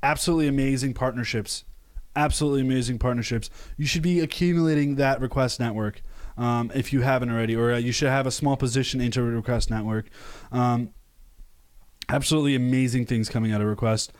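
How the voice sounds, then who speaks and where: A man's voice: mid-range voice, steady tone, a little fast, a little mellow, clear, resonant tone. Rambling upbeat man hosting a crypto stream. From United States. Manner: rambling, upbeat, many fillers and restarts. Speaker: crypto channel host. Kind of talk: casual live-stream commentary.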